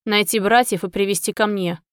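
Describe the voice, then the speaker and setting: A woman's voice: medium pitch, fairly even intonation, fairly quick, a bit bright, smooth, no echo, clean studio sound, natural voice. A woman voicing a haughty young elf, a sultan's son, who speaks in curt commands. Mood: commanding.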